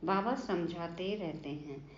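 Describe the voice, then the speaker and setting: A woman's voice: on the low side, takes it slowly, slight background noise. A woman giving an earnest devotional sermon who asks questions and answers them herself, often prompting with short "haan" and "hmm?". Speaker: spiritual teacher explaining a daily lesson. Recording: roomy, slightly dull recording.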